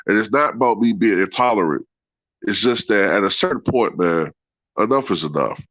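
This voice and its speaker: A low-pitched man hosting a sports talk livestream rambles casually to live viewers, profane and colloquial, peppering his talk with "man" and "you know." A head cold leaves him congested, with a thick, blocked nasal sound, and he clears his throat. His delivery is expressive, at normal speed and a bit bright, though the audio is dull and lo-fi.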